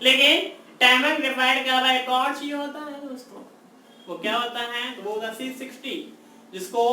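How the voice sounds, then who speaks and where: A man teaching chemistry in a classroom lecture, slowly repeating memory tricks and checking in with his students. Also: extremely high pitch, pushed and bright. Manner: repeats mnemonics slowly, checks in with "theek hai". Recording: far-off echoey room with faint noise.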